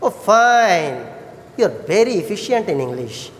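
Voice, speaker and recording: A woman with a Bangladeshi accent teaching an English lesson to children, encouraging and praising like a kids show host, with deliberate sing-song questions. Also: mid-range voice, big pitch swings. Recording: echoey hall-like reverb.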